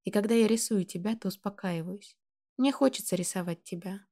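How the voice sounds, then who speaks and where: Shy teenage girl, soft timid voice, mellow tone, read by a woman. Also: mid-range voice, brisk, close to an everyday voice.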